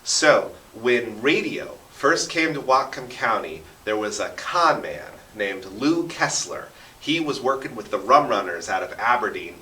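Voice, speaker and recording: An American man, appearing as an interview guest, tells stories conversationally and with dramatic flourishes. His mid-range voice is bright and forceful. He sits distant from the microphone in an echoey radio studio, so the sound is roomy.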